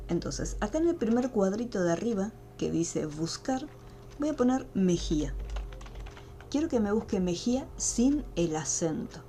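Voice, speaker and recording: A woman leads an online class, walking through each step in a patient, methodical way. Her voice is mellow and soft-edged. Faint background noise and keyboard typing come through her computer mic. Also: medium pitch. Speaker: teacher. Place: home room, online video call. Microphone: computer mic on a video call.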